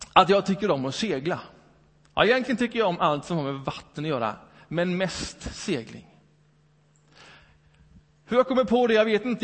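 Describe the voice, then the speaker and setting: A man's voice: high voice, fairly bright tone, breathy edge. A man preaching a Sunday sermon in a conversational way, full of rhetorical questions. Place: church hall. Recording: long hall reverb.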